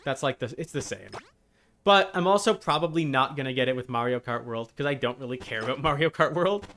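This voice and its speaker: Over game music, a man live streams a game and chats casually and bluntly, dropping exasperated, sweary asides. His voice is medium-pitched and a bit bright, and he talks a little fast.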